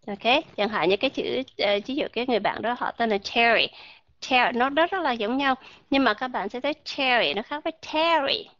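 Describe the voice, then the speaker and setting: Woman pronunciation teacher, high and bright, dry dull lo-fi audio, drills sounds with learners. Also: no echo. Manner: explains slowly, models English sounds, asks learners questions. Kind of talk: online pronunciation class.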